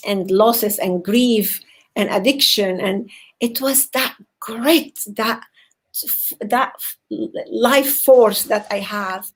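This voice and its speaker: A woman from Venezuela who works as a psychotherapist, giving a heartfelt motivational talk over a video call in an earnest, halting way, often repeating words as she searches for phrasing. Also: medium pitch, rough recording. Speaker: psychotherapist, guest speaker.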